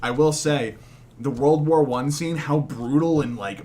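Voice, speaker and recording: A man's voice: medium pitch, unhurried, dark tone. A man in a casual group movie discussion, speaking in an emphatic, opinionated way. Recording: faint background room noise.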